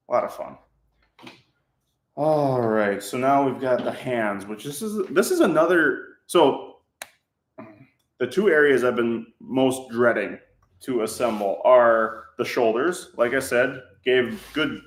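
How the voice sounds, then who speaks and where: A man's voice: mid-range voice, expressive, takes it slowly. Chatty Minnesotan man in echoey workshop. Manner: chatty, jokey, often laughing. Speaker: livestream host. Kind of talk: casual livestream chat while building a prop. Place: home workshop. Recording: echoey room.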